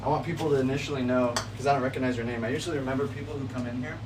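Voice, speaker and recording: A man's voice: mid-range voice, fairly even intonation, very fast, far from the mic, noisy background. A man in his twenties giving casual golf tips on a livestream in his backyard, friendly and easygoing, calling viewers buddy and bro. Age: 20s. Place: backyard outdoors.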